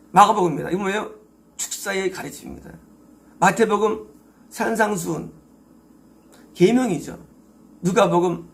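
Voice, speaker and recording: A man's voice: high voice, fairly bright tone. A male pastor preaching an expository sermon, emphatic, asking rhetorical questions and answering them himself.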